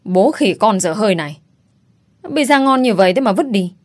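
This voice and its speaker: A brash, foul-mouthed young woman who bosses her friend around and still cares about her, as a female reader acts her out. She talks loudly and bluntly, teasing as she goes, in an audio storybook. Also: lowish voice, moderate pace, lightly acted. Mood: scolding.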